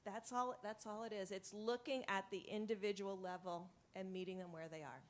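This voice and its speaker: A woman's voice: medium pitch, steady tone, moderate pace. A woman speaking on a panel in an earnest, emphatic way. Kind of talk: panel discussion.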